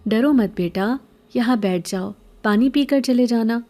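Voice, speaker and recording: A woman's voice: fairly high pitch, warm tone, voice pushed up, lightly acted. A woman voicing a middle-aged beggar woman in a horror story, pleading and sweet-sounding, later harsh and scolding.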